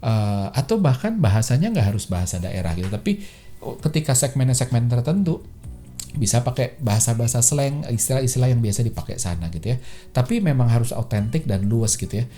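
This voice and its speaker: In a casual solo explainer, a male podcast host speaks in a mellow, mid-range voice that is animated and brisk. The talk is chatty, packed with fillers and acted-out quoted voices.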